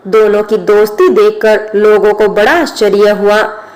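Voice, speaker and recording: Brief: woman storyteller, scripted narration, very flat pitch. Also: unhurried, rough recording.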